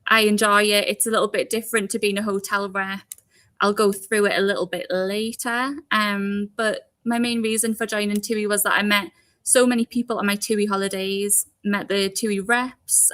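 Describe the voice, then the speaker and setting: A young woman with a Geordie accent talks through a live online recruitment session. Her manner is friendly and chatty, with frequent laughs, and her pitch sits in a middle range. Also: little pitch movement, normal speed, a bit bright. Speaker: service support rep and co-host. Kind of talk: live Q&A chat.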